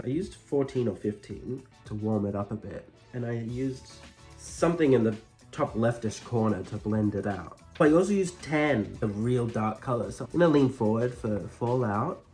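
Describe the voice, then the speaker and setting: A man's voice: mid-range voice, lively intonation, moderate pace, darkish tone, faint music behind. A man with a campy, dryly self-deprecating drag queen delivery, chatting casually through a makeup tutorial.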